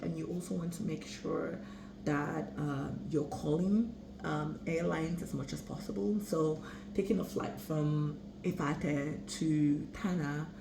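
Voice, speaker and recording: A woman's voice: low voice, creaky. A young woman from Cameroon giving travel tips in a casual, rambling vlog, often correcting herself. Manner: chatty, rambling, self-correcting. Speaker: travel vlogger. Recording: echoey room with background noise.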